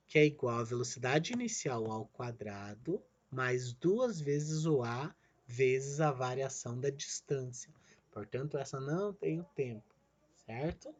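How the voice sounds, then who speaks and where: A man's voice: medium pitch, a little mellow, muffled recording. A male physics teacher gives a recorded online lesson. He explains each step and checks in with "né?" and "certo?", and he calls himself the teacher in the third person.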